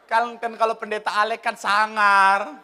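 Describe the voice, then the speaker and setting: A man preaching a lively, humorous sermon from the pulpit, acting out little scenes as he goes. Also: high voice, normal speed, clear, resonant tone, in a large hall. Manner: animated, joking, acts out little scenes. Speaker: pastor. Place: church hall.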